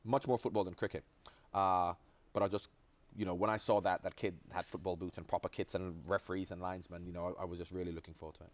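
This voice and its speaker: A Jamaican former footballer in his forties chats as a guest in a relaxed interview, telling long stories full of restarts and asides. His voice is low-pitched and flat, and he talks fast.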